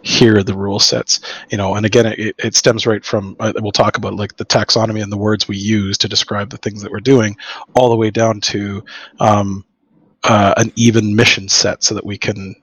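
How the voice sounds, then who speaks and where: A man lays out his thinking in a casual podcast chat, earnest and full of fillers. His voice stays flat and a little husky. The sound is dry and close. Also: fairly low pitch, moderate pace, no echo. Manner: earnest, explanatory, with frequent fillers. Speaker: podcast guest.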